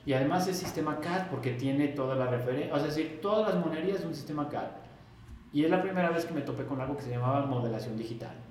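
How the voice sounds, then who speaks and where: Animated Mexican man in echoey room. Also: on the high side, fast talker. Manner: animated, acts out past dialogue in raised voice. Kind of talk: casual storytelling interview. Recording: very echoey room, faint noise.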